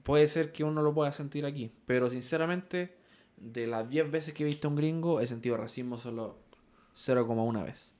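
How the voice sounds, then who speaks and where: A man's voice: medium pitch, brisk, a little mellow. A man from Chile with a Chilean accent, co-hosting a casual podcast and steering the talk with questions. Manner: slangy, chatty, asks the questions. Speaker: podcast co-host. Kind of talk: casual chat.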